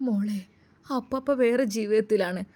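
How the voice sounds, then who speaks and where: A woman's voice: mid-range voice, measured pace, mellow, natural voice. A woman playing a weeping young wife. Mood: tearful. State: crying. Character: young woman lawyer, grieving and tearful.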